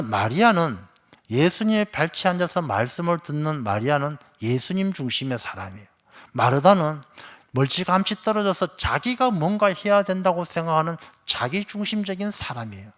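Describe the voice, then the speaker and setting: A male pastor preaches a Sunday sermon in a voice pitched a little high. He tells lively everyday stories and acts out the grumbling voices of complainers. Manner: lively storytelling with acted quotes of complainers. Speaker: senior pastor.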